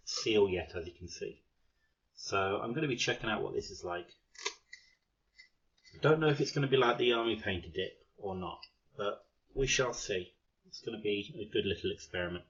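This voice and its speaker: A man's voice: fairly low pitch, fairly bright tone, muffled recording. A man casually talking through his miniature painting, rambling and self-deprecating with lots of ums. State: out of breath. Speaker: hobby painter.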